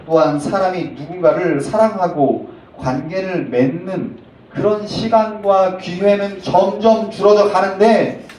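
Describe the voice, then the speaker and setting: A man preaching a sermon to middle schoolers as a youth pastor, with sudden loud emphatic rises. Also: high-pitched, measured pace, a little hiss or hum. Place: church sanctuary. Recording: echoey hall from a distance.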